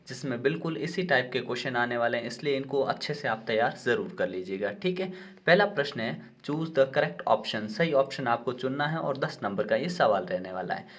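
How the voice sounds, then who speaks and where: A young man teaching, with a voice of ordinary middle pitch. He works through an exam paper one question at a time, slowing right down on each question he reads. After every answer he checks in with the listener. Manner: explains step by step, reads English questions out slowly, says "ठीक है" often. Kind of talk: exam paper walkthrough lesson.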